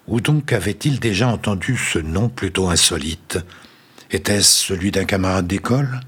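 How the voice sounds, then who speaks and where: Deep, husky male storyteller. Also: fairly bright tone. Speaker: narrator. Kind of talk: storybook reading.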